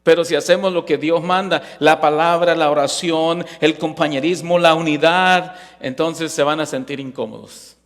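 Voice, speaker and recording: A man's voice: fairly high pitch, steady tone, normal speed, a bit bright. A male pastor preaching a sermon in a church, emphatic and full of rhetorical questions, often checking in with "ok?". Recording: echoey hall reverb.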